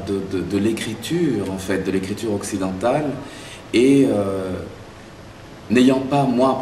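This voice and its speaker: A man who grew up in Belgium and Zaire, answering interview questions about his work as a playwright in a thoughtful way, pausing and restarting as he searches for words. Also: fairly low pitch, darkish tone, slight background noise. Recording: echoey room, mic far off.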